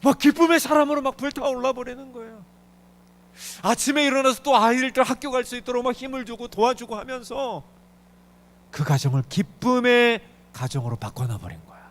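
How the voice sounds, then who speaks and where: A middle-aged male pastor preaches a sermon in a church sanctuary, brisk and fairly bright in tone. He is emphatic and urgent, pushing key words hard and swinging his pitch up and down for emphasis.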